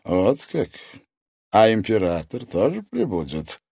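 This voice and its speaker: A man plays a bony old puppet master, cruel and mocking, speaking in a slightly raised, lively voice. The recording is dry and close, with no room sound. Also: lowish voice, unhurried, creaky, husky, dry recording, pitched above the performer's own voice, heavily acted. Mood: sneering. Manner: scornful, mocking.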